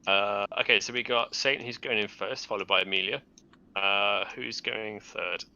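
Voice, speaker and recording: Low, gravelly, very bright-edged male game master. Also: steady tone, moderate pace, highs cut off. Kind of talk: running an online tabletop role-playing game.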